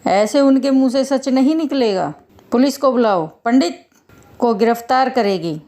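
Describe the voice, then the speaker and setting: A woman's voice: a little high, expressive, measured pace, warm tone. A woman doing a brusque village headman.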